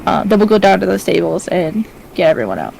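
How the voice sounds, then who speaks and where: A woman's voice: fairly low pitch, very animated, fast talker, gravelly, darkish tone, slight background noise, poor audio. A woman playing a tabletop game, chatting brashly and swearing freely. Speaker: player. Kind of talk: casual chat.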